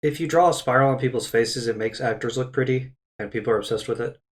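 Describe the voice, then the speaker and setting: A man's voice: mid-range voice, quick pace. A man running a tabletop game as dungeon master, rambling and punning and often correcting himself. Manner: rambling, punny, self-correcting.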